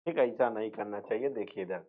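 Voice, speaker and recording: A man's voice: on the low side, fast. A male teacher giving an exam revision lecture, repeating points, asking and answering his own questions, and slipping into rural dialect for jokes. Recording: tinny phone-like sound.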